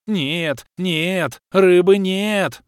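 A man voicing a small, panicky male swamp creature with a shrill, frantic squeal in an audiobook. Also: very slow, clear, resonant tone, no echo, clean studio sound. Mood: panicked squeal.

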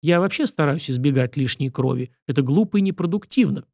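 A man reading the lines of a calm, ironic young man in an audiobook, dry in manner. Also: on the high side, fairly quick, no echo.

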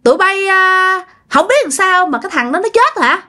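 A woman's voice: very high-pitched, animated, normal speed, bright, forceful tone, pitched above the performer's own voice, heavily acted. A woman storyteller voicing the jealous, spiteful ghost of a dead older man, taunting and menacing. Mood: gloating.

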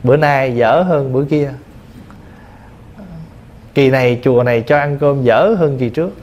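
A man's voice: mid-range voice, normal speed, a little mellow. A male Buddhist monk teacher giving a dharma talk, explaining patiently through simple everyday examples. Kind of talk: dharma talk answering questions.

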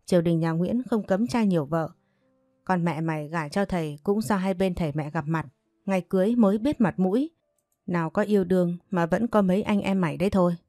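A woman voicing an angry older village father who shouts and scolds harshly. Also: lowish voice, brisk, no echo, studio quality, soft background music, lightly acted. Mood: pleading.

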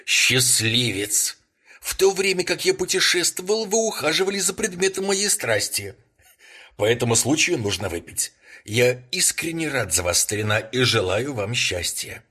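A man reading an audiobook, voicing an exuberant, effusive young rich man in a raised, lively voice. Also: medium pitch, moderate pace, breathy edge, voice pushed up, heavily acted. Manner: excited, effusive.

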